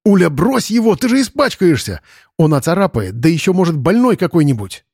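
A man's voice: a little high, very animated, moderate pace, darkish tone, slightly rough, no echo, studio quality, pitched above the performer's own voice. A man voicing an anxious young groom in a storybook, scolding in a raised, agitated tone. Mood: alarmed, scolding.

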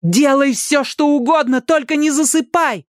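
A reader voicing a bossy, headstrong ghost girl who shouts commands urgently in an audiobook. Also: high-pitched, moderate pace, no echo, studio quality, pitched above the performer's own voice, natural voice. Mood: frantic commanding. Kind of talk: audiobook character voice.

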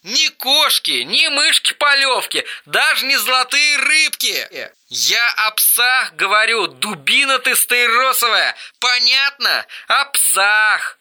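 A man voicing an unhinged, volatile young man with a hoarse, strangled voice, ranting down a phone line. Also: mid-range voice, sing-song, a little slow, bright, forceful tone, full character voice. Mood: furious. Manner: erratic, swings from muttering to screaming.

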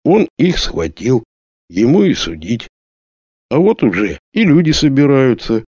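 A man voicing a calm, wise village chief in an audiobook, speaking quietly and evenly. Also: mid-range voice, slightly rough, dry recording, studio quality. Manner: quiet, measured.

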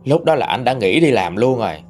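A man with a Southern Vietnamese accent narrating a true-life story in an expressive, gossipy way. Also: medium pitch, fairly quick, faint music behind.

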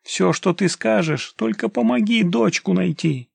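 A man's voice: on the high side, lively intonation, unhurried, creaky, no echo, heavily acted. A man doing a desperate pleading mountain father. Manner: pleading, wailing.

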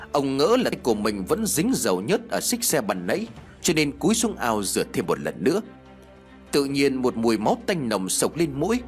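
A male storyteller narrating a ghost story audiobook in a steady, expressive reading. His pitch moves a lot from phrase to phrase, giving the tale shape. Faint music plays underneath.

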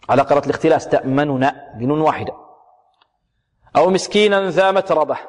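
Man teaching Quran recitation, echoing hall. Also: high voice. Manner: asks questions and answers them himself, slow drawn-out demonstrations. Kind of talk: tajwid lesson with recited examples. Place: radio broadcast studio.

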